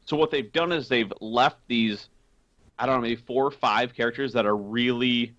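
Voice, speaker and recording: A man's voice: medium pitch, moderate pace, fairly bright tone, no room sound, highs cut off. A man co-hosting a gaming podcast, talking casually with lots of fillers and easy laughs. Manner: chatty, laughs often, many fillers. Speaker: podcast co-host.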